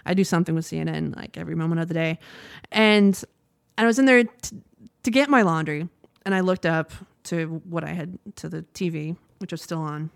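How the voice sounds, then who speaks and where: With a low, creaky voice, a young woman podcast host rushes briskly through a chatty, rambling story with hardly any pauses and frequent laughter. It's a casual monologue in clean studio sound with no echo.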